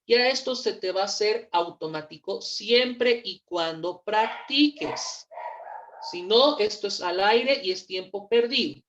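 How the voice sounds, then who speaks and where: A woman teaching English in in an online class, patient and repeating each word slowly for pronunciation. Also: mid-range voice, a bit bright, lo-fi sound. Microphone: computer mic on a video call.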